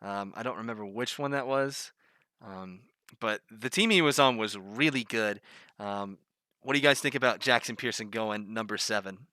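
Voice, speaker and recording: A man's voice: fairly low pitch, normal speed, bright, forceful tone, clear, resonant tone, no room sound, clean studio sound. A man with a Southern US accent hosting a casual panel talk, rambling with lots of fillers. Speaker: podcast host.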